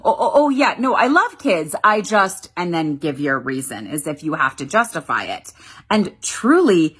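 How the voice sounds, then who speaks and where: Woman, low husky voice, very lively pitch, blunt monologue. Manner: candid, emphatic, mocking in asides. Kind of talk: opinion monologue to camera.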